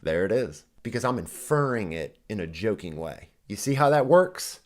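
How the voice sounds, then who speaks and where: A man's voice: mid-range voice, darkish tone. Guy ranting mad on his reaction vid, cussing a lot, voice jumping up and down all over. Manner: heated, profane, ranting. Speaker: reaction video host. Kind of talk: angry reaction commentary.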